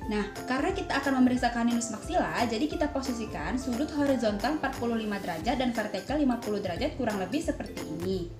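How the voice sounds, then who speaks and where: Slightly high-pitched and quick, with lively intonation, a young adult dental student runs a polite, step-by-step demonstration of a clinical procedure. Role-played patient dialogue is part of this instructional skills demo. Music sits behind a roomy echo.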